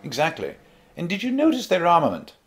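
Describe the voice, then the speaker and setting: A man's voice: fairly high pitch, wildly swooping pitch, brisk, a little hiss or hum. A man playing an eccentric, cheerful, curious alien time traveller in an audio drama, with a theatrical, wordy manner. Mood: alert, intrigued.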